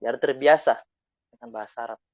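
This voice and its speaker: A man with an Indonesian accent teaching Arabic, reading lines slowly and loudly for students to repeat, then explaining in quick asides. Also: mid-range voice, fairly even intonation, dry recording, muffled recording. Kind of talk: online Arabic lesson, reading dialogue aloud.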